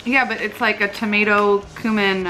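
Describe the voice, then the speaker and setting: Casual female vlog host, thirties, mid-pitched, indoor camera sound with music underneath. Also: flat delivery, normal speed, sharp tone, rough recording. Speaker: vlog host doing a taste test. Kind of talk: casual chat. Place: living room couch, indoors. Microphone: camera at arm's length.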